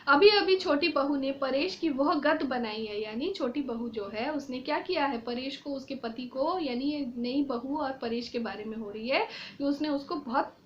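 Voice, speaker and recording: A woman's voice: high voice, normal speed, highs cut off, a little hiss or hum. A woman teacher reading a Hindi play aloud and explaining each line in simple words. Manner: reads a line then paraphrases it plainly.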